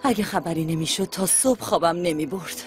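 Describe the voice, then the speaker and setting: A woman's voice: fairly low pitch, soft background music, lightly acted. A woman dubbing an anxious middle-aged mother who speaks in a fretful way. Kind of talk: dubbed TV drama dialogue.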